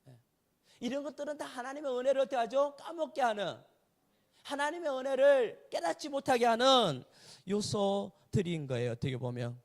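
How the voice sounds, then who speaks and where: A man's voice: very high voice, moderate pace. A male pastor delivering a sermon in a conversational way, often asking the congregation rhetorical questions. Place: church sanctuary.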